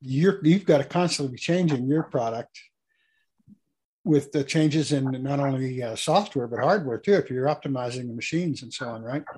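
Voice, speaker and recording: A man interviews a business guest in a relaxed, conversational way, often steering toward his point. His voice is hoarse and husky, at an ordinary middle pitch. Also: normal speed. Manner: conversational, asks leading questions.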